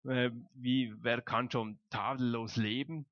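A man, preaching a sermon directly and lively to his congregation. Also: medium pitch, takes it slowly, dry recording. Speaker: pastor. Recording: dull, dry lo-fi sound.

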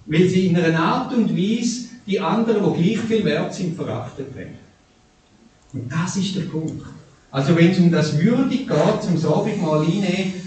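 Preacher in an echoey hall. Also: male voice, sits high, slight background noise. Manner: animated, shifting between soft and raised. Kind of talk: sermon. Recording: echoey hall, distant mic.

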